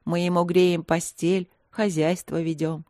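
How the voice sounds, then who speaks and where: A woman voicing a timid, gentle blind young woman who speaks softly and slowly. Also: on the low side, little pitch movement, dry recording, clean studio sound, lightly acted. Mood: meek. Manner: soft, slow, meek speech.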